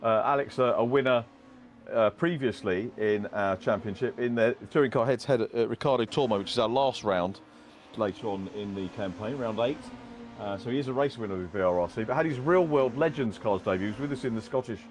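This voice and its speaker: A man's voice: mid-range voice, brisk. Male motorsport commentator, conversational analyst type, rambling and self-correcting, slight background noise.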